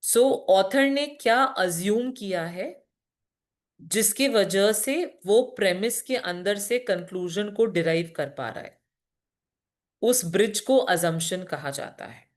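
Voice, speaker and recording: A woman's voice: medium pitch, slow pace. Woman teacher explaining step by step. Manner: explains patiently, asks and answers her own questions; mixes English terms into Hindi explanations. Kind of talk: classroom lecture.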